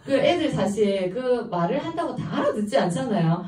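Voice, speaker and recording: Chatty Gyeongsang woman lecturing, animated. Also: a little high, moderate pace. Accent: Gyeongsang Korean. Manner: lively, chatty, laughs often while telling stories. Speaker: seminar speaker. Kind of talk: informal lecture talk. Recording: echoey room, voice from a distance.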